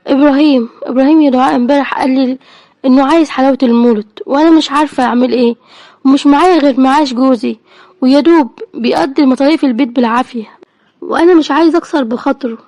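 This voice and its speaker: A worried, tender widowed mother from a storybook, as a woman puts her on, speaking Egyptian Arabic in a high, quick voice. Her tone is mellow and soft-spoken, and the recording is dry and close. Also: dry recording.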